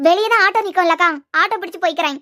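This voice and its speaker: A woman voicing a quick, anxious young woman. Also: extremely high pitch, bright, forceful tone. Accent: Kanyakumari Tamil. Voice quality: quick, questioning. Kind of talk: cartoon serial voice acting.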